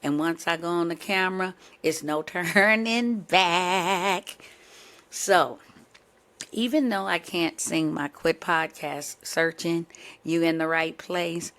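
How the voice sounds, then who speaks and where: A woman's voice: fairly low pitch, unhurried, fairly bright tone. A young adult woman hosting her own podcast. She has a sore throat and chats playfully, speaking straight to her listeners. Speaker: podcast host. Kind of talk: casual chat.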